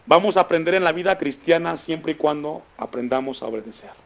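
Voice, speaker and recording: A male pastor preaching a sermon, repeating key lines for emphasis, dropping low and soft on them, then praying fervently over the congregation. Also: a little fast, vocal fry. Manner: raised, fervent pleading in prayer. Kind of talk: sermon with closing prayer. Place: church congregation.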